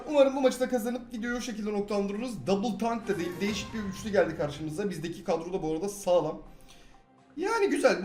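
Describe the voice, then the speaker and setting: An excitable young man from Turkey talking over a match he is playing, flipping between loud yelps and muttered grumbles. His voice sits in a middle pitch and sounds a little roomy, with game music playing underneath. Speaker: gaming YouTuber. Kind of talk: live gameplay commentary. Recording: echoey room with game music.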